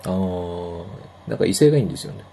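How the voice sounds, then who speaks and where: A man hosting a podcast, chatting casually in a laid-back, unhurried way. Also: sits low, expressive, vocal fry, warm tone, a little hiss or hum. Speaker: podcast host.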